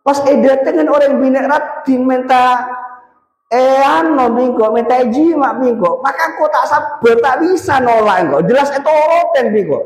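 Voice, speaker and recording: A man preaching a storytelling sermon at a mosque, talking in an animated way and calling to his listeners. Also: extremely high pitch, normal speed. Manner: animated, addresses listeners as Pak and Kak. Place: mosque hall. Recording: echoey hall with long reverb.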